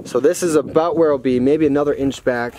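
This time the laid-back young vlogger talks a little fast, his fairly high voice darkish in tone and fairly even in intonation, full of casual slang. A handheld camera at arm's length captures him in a garage-side dirt yard, and the outdoor audio is noisy with traffic.

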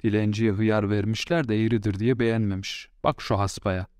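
Low-voiced man reading a story. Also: steady tone, brisk, darkish tone, no echo, clean studio sound. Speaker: audiobook narrator. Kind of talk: storytelling narration.

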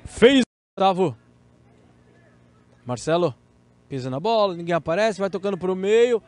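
A man's voice: high voice, lively intonation, moderate pace, darkish tone, no room sound. A man with a Brazilian accent giving live play-by-play commentary on a football match.

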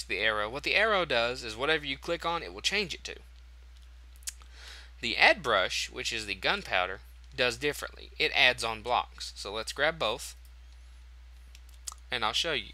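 Bright-voiced man talking through a tutorial. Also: medium pitch. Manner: chatty, thinks aloud and corrects himself. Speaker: tutorial host. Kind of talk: casual game tutorial narration.

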